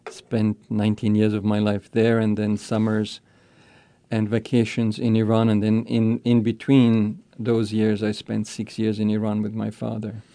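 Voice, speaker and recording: Older man, from Austria, radio guest, low gravelly voice, dark tone, flat delivery. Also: no room sound. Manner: thoughtful, measured, with frequent ums. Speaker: guest, college program director. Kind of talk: radio interview.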